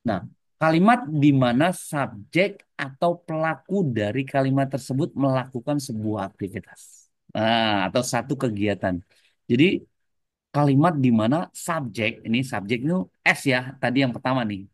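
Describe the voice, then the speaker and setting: Speaking expressively at medium pitch and a moderate pace, a man lectures an online English class of adult learners. He explains in a blend of English and Indonesian, ends most phrases with "ya", and often calls the class his friends. The recording is dry.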